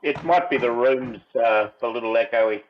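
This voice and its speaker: A man's voice: medium pitch, moderate pace, a little hiss or hum. A man chatting casually as a guest on a livestream, over dull lo-fi call audio. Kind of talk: casual chat.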